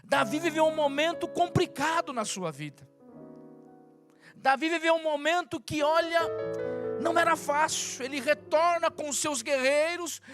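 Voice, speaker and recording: A male pastor preaching a sermon to a live congregation, stacking long repetitive lists and dropping from loud to hushed. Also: very high voice, moderate pace, music in the background. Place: church service with live congregation.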